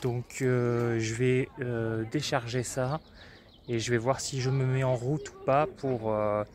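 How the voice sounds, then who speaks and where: A man's voice: mid-range voice, steady tone, takes it slowly. A man narrating a casual vlog about his flea-market finds, chatty and hesitant with many fillers.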